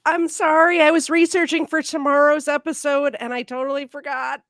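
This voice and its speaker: A woman's voice: high-pitched, flat delivery, moderate pace, a bit bright, no room sound, clean studio sound. A woman from the American South with a Southern accent, chatting casually as a guest and laughing often. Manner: giggly, apologetic, chatty. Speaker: guest comedian. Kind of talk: casual chat.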